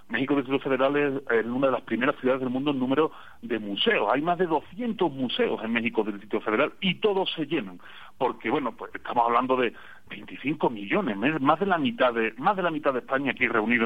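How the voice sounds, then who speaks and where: Andalusian man on a tinny phone line. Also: mid-range voice. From Spain. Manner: chatty, digressive storyteller with wry humor. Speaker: radio guest calling in from abroad. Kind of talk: casual radio chat.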